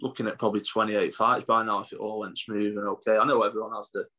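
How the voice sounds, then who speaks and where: Low-voiced young boxer, matey. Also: male voice, little pitch movement, fast, pushed and bright. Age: 20s. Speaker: professional boxer being interviewed. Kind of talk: casual interview answers.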